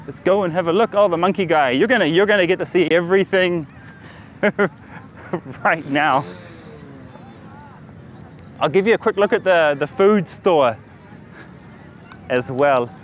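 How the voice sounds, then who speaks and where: Higher-voiced man vlogging outdoors. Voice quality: speaks as a foreign visitor. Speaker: travel vlogger. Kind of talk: casual on-the-move vlog commentary. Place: outdoors, busy beachfront and streets. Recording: outdoor street noise, passing vehicles.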